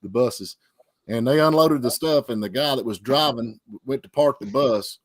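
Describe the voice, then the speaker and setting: A man's voice: mid-range voice, normal speed, dry recording, clean studio sound. A man telling folksy stories in a casual chat. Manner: folksy, drawling storyteller.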